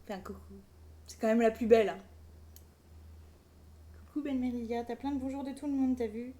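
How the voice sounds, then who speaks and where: A woman's voice: fairly high pitch, fairly even intonation, fairly quick, mellow. A woman chatting casually and playfully as a live streamer, colloquial and sweary, often cooing affectionately. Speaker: live streamer, craft vlogger.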